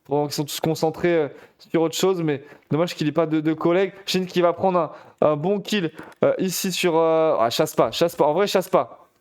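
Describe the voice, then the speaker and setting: A man casting a competitive shooter match live, chatty and excitable, talking straight to his viewers. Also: a little high, normal speed, clear, resonant tone. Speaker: esports caster. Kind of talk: live game commentary.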